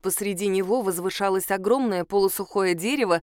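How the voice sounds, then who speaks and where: Woman, audiobook narrator, calm measured storytelling, first-person fantasy, dry close sound. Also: mid-range voice, no echo.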